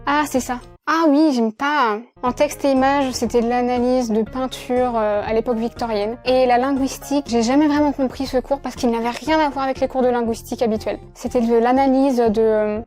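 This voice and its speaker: A woman's voice: fairly high pitch, fairly even intonation, brisk, few pauses, dark tone, faint music behind. A young French woman in her twenties, chatting casually to camera and laughing at herself as she recounts her year. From France. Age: 20s. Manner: chatty, self-mocking, laughs often, trails off. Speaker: student vlogger.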